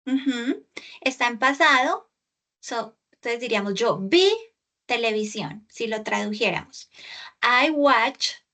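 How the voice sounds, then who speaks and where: A woman tutoring English over a video call, explaining patiently and stretching out English words slowly. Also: a little high, a bit bright. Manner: patient, slow and exaggerated English pronunciation, explaining in Spanish. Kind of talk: online tutoring session.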